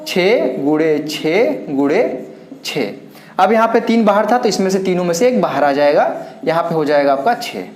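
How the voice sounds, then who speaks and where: A man teaches a maths lesson, guiding students through each step and counting aloud as he writes. His voice sits high and is a little mellow, and the room gives a noticeable echo.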